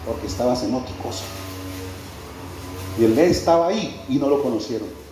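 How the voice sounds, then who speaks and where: A man's voice: medium pitch, lively intonation, normal speed, warm tone. A male pastor preaching a sermon in a church hall, repeating his phrases and putting pointed questions to the congregation. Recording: very echoey church hall, faint background noise.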